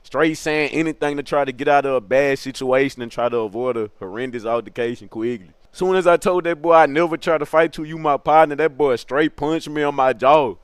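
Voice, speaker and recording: A young man telling a funny story in a casual, animated, slangy way, acting out other people's lines in a high voice. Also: a little fast, few pauses, clear, resonant tone, no echo. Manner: animated slangy street storytelling, laughing, acts out quotes in a high voice.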